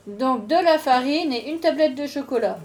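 A woman's voice: high-pitched, lively intonation, normal speed, darkish tone. An actress playing a thrifty, no-nonsense mother in a natural radio drama style. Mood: dry, practical. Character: thrifty, no-nonsense village mother, easily exasperated.

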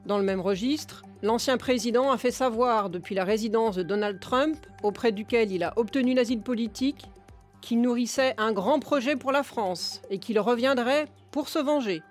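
A woman reading a parody news bulletin in a brisk, matter-of-fact newsreader manner. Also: on the high side. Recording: faint music under the voice.

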